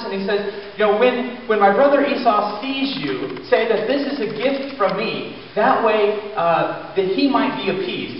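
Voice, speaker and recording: A man's voice: sits high, a little hiss or hum. A man preaching a sermon, retelling a Bible story in casual everyday words and asking the congregation questions. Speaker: pastor. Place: church sanctuary. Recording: echoey hall, distant mic, dull sound.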